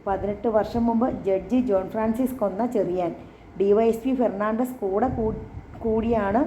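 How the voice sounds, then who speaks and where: A woman narrating an audiobook in a steady storytelling manner. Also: medium pitch, slight background noise. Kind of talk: scripted narration. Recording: roomy, dull lo-fi recording.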